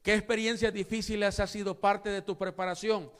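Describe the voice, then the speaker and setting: A man's voice: sits high, flat delivery, fairly quick, a bit bright, clear, resonant tone, long reverb tail. A man preaching an earnest sermon as pastor, speaking to his listeners as usted. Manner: earnest, addresses listeners as usted, acts out quoted prayers. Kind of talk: sermon teaching. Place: church.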